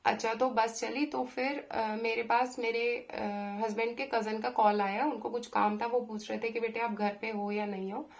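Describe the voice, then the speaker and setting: A woman's voice: on the high side, little pitch movement. Chatty woman telling a story. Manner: chatty, with many pauses and fillers, acting out her own angry replies. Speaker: vlogger telling a personal story. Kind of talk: casual storytelling.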